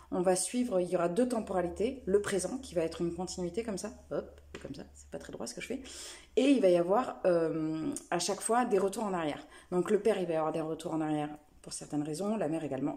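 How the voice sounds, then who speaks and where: Woman vlogger rambling about her reads, lowish mellow voice, lots of ums. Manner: chatty, hesitant with many fillers. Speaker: book and knitting vlogger. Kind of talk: casual book review chat.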